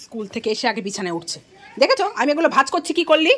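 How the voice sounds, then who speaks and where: A woman vlogging casually from her home, chatting to viewers and scolding her daughter, her throat a little hoarse. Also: high voice, very animated, rapid-fire, heavy background noise. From Bengal. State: throat slightly hoarse lately. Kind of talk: casual home vlog chat. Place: home kitchen and bedroom.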